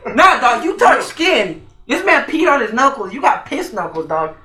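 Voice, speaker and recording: A man's voice: very high-pitched, sing-song, normal speed, crowd noise. A man bantering casually and comedically on a podcast, slangy like a frat bro, riffing and slipping into mimicked voices. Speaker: podcast guest.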